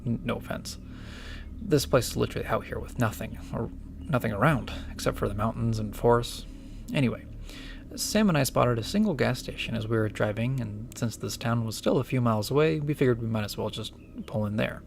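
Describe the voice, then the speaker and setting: A man's voice: medium pitch, fairly quick, vocal fry, slight background noise, lightly acted. A man playing a nervous, deferential young apprentice investigator in an audio drama, hesitant and apologetic. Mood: hesitant, reporting.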